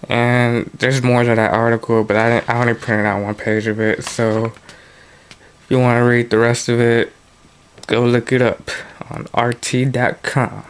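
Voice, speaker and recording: A man's voice: mid-range voice, little pitch movement, a little slow, slight background noise. A man reading news articles aloud and adding casual, offhand commentary of his own. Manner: plain reading broken by offhand asides and restarts. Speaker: political commentary vlogger.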